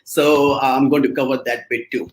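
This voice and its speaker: A man speaking as a presents as a guest expert on a live stream. His voice is mid-pitched, and he talks casually, hesitating, restarting sentences and laughing often. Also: fairly even intonation, normal speed, low-quality recording. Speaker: SEO agency guest expert.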